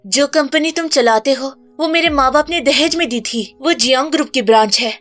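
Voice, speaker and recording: A woman's voice: high voice, brisk, fairly bright tone, soft background music. A woman dubbing a cold, scheming wife bent on revenge, with a Hindustani accent. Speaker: dub actor. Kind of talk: dubbed drama acting.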